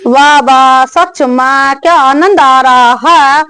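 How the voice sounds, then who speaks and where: Woman putting on an aging mother-in-law, high-pitched, bossy, drawn-out nagging, comic family sketch. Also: background noise. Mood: contented. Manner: slow, scolding, drawn-out nagging.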